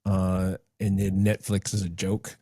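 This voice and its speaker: A male podcast host chatting casually in a relaxed, measured way. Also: sits low, no room sound, clean studio sound. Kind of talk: casual interview chat.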